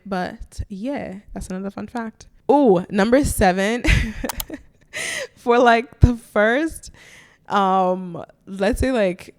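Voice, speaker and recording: Playful Nigerian-born woman podcaster, gravelly edge. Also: lowish voice, a little mellow. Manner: chatty, playful, self-teasing, quick asides. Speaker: podcast host. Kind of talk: casual solo podcast chat.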